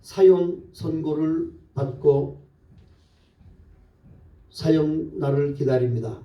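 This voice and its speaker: A male pastor preaching a sermon in a church, telling stories lively and asking the congregation questions. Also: a little high, takes it slowly, muffled recording. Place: church sanctuary. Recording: echoey church, voice from far off the mic.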